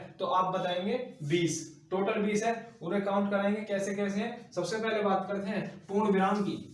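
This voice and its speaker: Guy teaching hindi grammar, high voice, drags out the examples, sounds far off the mic. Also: slight background noise. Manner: explains slowly, repeats example sentences with stretched emphasis. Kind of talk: classroom lecture for exam prep. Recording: echoey room, voice from a distance.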